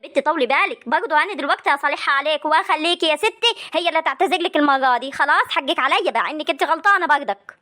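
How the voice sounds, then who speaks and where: Woman voicing an Egyptian village mother, very high voice, rapid chiding, soothing and scolding, comic family drama. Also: sharp tone. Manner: chiding, soothing, fast talk. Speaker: mother and aunt in a family feud.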